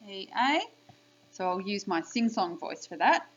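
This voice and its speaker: A woman teaching young children a spelling lesson on video, sounding out letters and sounds slowly and clearly. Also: medium pitch, expressive, fairly bright tone. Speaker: primary school teacher. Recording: slightly dull lo-fi sound.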